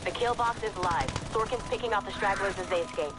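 A woman's voice: mid-range voice, fast, very noisy, lightly acted. An actress playing a brusque, tough female field officer who gives clipped orders in a video game. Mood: urgent, commanding. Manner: clipped, commanding.

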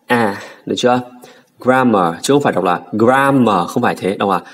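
A man's voice: on the low side, very fast. A man with a Vietnamese accent teaching English pronunciation, patiently repeating each word to contrast the sounds, politely addressing the viewer. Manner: polite, ends phrases with "ạ" and "nhá". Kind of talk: pronunciation lesson.

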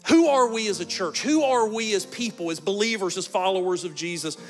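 Speaking a little fast over faint background music, a pastor in his forties delivers his sermon from a large church stage with a handheld mic. His voice swings from loud emphasis to soft, low tones.

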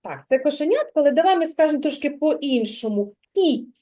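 A woman's voice: high-pitched, animated, warm tone. A woman teaching a preschool literacy lesson, speaking in a patient, sing-song way and drawing words out for a child. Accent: Ukrainian. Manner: drawn-out, sing-song word modelling for a child. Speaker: kindergarten teacher.

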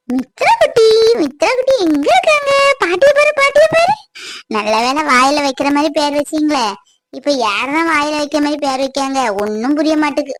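A doting cartoon grandmother , played by a woman, coos at her granddaughter in a high, sing-song voice. The voice is recorded close and dry, with no room sound. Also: a bit bright, dry recording. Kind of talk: cartoon voice acting.

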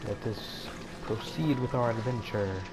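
A man's voice: on the low side, a little slow, loud music behind the voice, poor audio. A man doing casual, joking, sweary commentary as a scared horror game streamer. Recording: loud background game ambience noise. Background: horror game ambience.

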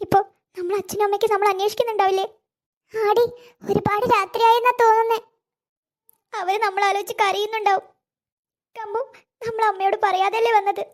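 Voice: extremely high pitch, little pitch movement, fairly quick, pauses often. A performer voicing worried little girls in a cartoon, speaking in anxious, fretful chatter. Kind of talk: cartoon voice acting.

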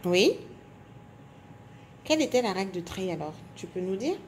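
A woman teacher giving a phonics lesson to young children, speaking slowly and clearly articulating, stretching out sounds and syllables. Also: medium pitch, very animated, slight background noise. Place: indoors at a table.

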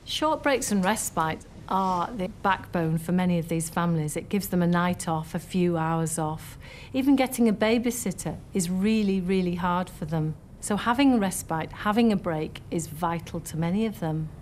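A woman's voice: fairly low pitch, moderate pace, darkish tone, a little hiss or hum. A woman speaking earnestly and emphatically in an interview as an advocate for families.

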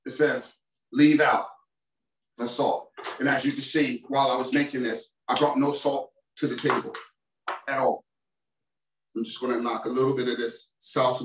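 At medium pitch with little pitch movement and a moderate pace, a man in his forties presents a cooking demonstration from his home kitchen, casual and enthusiastic as he talks straight to viewers. The far-off camera mic gives a roomy kitchen sound.

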